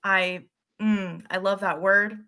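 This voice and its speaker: A woman hosting a podcast interview, chatting casually and warmly affirming her guest. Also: medium pitch, steady tone, slow pace. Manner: enthusiastic, affirming. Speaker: podcast host.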